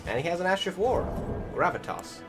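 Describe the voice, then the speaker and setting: A gaming channel host with a high-pitched, very animated voice talks briskly in casual, rambling voice-over commentary on a video game. He often hesitates and hunts for words, with music playing behind him.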